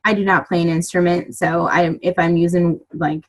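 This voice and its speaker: A woman in her thirties telling a lively personal story to her team in a casual, chatty way, full of fillers and little acted-out asides. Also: lowish voice, moderate pace, poor audio. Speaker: team leader giving a motivational talk.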